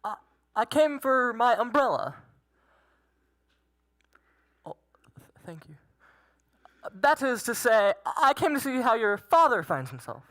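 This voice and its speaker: Woman acting a high-voiced, stammering lovesick gentleman. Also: big pitch swings, measured pace, long pauses. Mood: nervous. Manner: nervous stammering, hesitant. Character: timid, lovesick young gentleman tutor, earnest and pleading.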